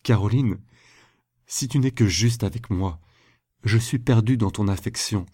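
Man doing a jealous young lover in a storybook, low dark voice, emphatic and pleading. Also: unhurried. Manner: emphatic, louder pleading delivery.

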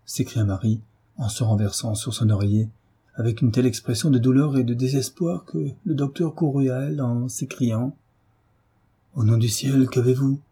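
A man narrating an old novel as an audiobook, in a measured, solemn storytelling manner. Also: mid-range voice, steady tone, dark tone, husky. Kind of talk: audiobook reading of a 19th-century novel.

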